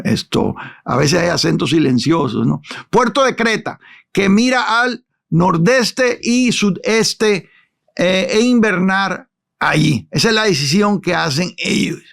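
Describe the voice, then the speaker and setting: High-voiced man teaching Bible verses. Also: creaky, fairly bright tone. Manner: reads scripture aloud, then explains in an unhurried teaching tone.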